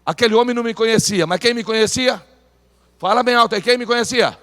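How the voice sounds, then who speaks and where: Male pastor, high-pitched voice, animated sermon, church hall echo. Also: fast. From Brazil. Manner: animated, calls on the congregation to repeat phrases. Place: church sanctuary.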